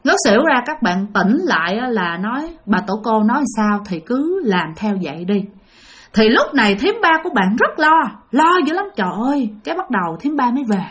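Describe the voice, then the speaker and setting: In a fairly high voice, this woman tells a spoken ghost story a little fast and with a lot of animation, chatting with her audience and addressing them directly.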